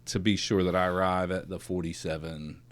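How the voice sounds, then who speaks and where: A man in his forties hosts a casual podcast conversation with a very low, deep voice. He talks reflectively and builds toward emphatic points. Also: flat delivery, moderate pace. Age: 40s. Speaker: podcast host.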